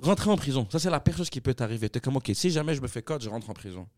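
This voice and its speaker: A man in casual podcast chat, emphatic and fast, dropping English slang. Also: mid-range voice, lively intonation, darkish tone, no echo. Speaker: podcast host.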